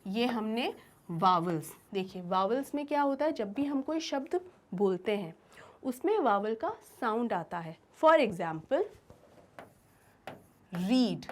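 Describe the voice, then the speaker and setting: Lady teacher, high voice, keeps asking the class questions then answers them herself. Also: expressive, takes it slowly, slight background noise. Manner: asks questions and answers them herself, addresses students as beta. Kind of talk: grammar lesson explaining to students.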